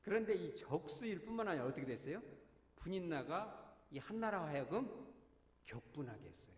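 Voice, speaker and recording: Lively, animated preacher in an echoey hall. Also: male voice, on the high side, brisk. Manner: animated preaching, acting out quoted voices, asking the congregation questions. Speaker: pastor. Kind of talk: sermon. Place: church sanctuary.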